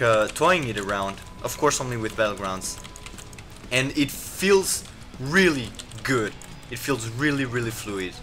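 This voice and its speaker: Guy doing live gameplay commentary, bouncy pitch, lots of ums and restarts, faint game music behind. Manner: rambling, full of fillers and restarts; quick excited reactions to the action.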